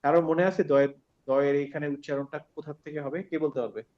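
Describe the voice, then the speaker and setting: A man's voice: on the high side, steady tone, a little fast. A man teaching a recitation class online, patiently recapping and asking his students questions. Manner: patient, checks understanding with questions, mixes in English words. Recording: dull lo-fi call audio.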